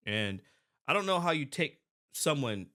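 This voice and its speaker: A woman's voice: sits low, unhurried. A woman hosting a podcast, commenting casually and emphatically on a video clip as a private security expert, with many restarts. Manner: animated and emphatic, with frequent restarts and laughs.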